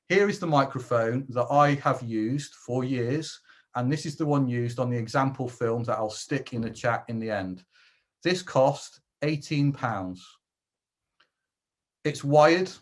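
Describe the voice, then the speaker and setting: Man, webinar presenter, casual and jokey, mid-pitched voice, video-call mic. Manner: chatty and jokey, with dry asides. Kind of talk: informal webinar talk on video gear.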